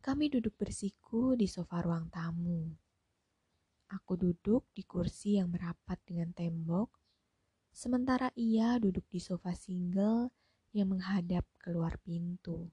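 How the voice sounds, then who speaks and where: A woman narrating a story in Indonesian in a soft, often half-whispered voice. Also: on the low side, unhurried, breathy edge, no echo. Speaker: audiobook narrator. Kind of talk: slow hushed story narration.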